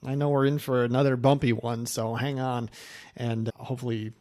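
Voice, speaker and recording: A man who coaches and presents for insurance agencies talks casually to the camera, offering anecdotes and practical advice in a conversational way and acting out the remarks he quotes. His voice is medium-pitched and a little mellow, with a flat delivery at a moderate pace.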